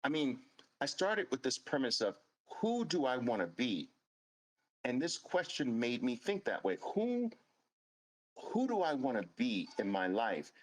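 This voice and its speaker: A man's voice: medium pitch, big pitch swings, measured pace, low-quality recording. A man in his late fifties, hosting a show and telling a personal story in an earnest, emphatic way, repeating phrases for stress. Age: 50s. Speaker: host.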